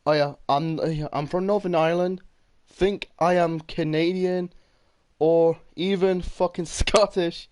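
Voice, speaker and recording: A man from England giving casual, rambling commentary while playing a game, talking fast and swearing when things go wrong. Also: a little high, fairly even intonation, a little mellow, clear, resonant tone, no echo. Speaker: gamer commentator. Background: faint game music.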